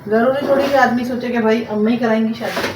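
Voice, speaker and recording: A woman talks on in a loose, rambling home-vlog chat, dropping English words into her speech as she cooks. Her voice sits a little high. The mic is far from her in a reverberant room, with clear household noise behind her. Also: fairly even intonation, fast. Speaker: home vlogger. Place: home, cooking in the kitchen. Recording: roomy, distant mic with noisy background.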